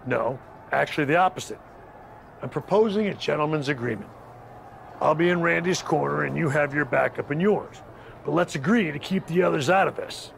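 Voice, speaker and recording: Playing a condescending, scheming head of a wrestling faction in a game cutscene, the actor speaks in a stern, measured, gravelly way. His male voice is a little high, with slight background noise. The tone is calm and persuasive.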